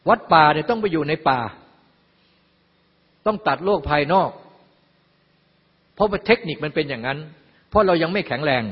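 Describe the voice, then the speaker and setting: A man's voice: fairly high pitch, lively intonation, moderate pace, pauses often, husky. An older man teaching a Buddhist dharma talk in a folksy way, explaining with everyday examples and asides. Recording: lo-fi, long hall reverb.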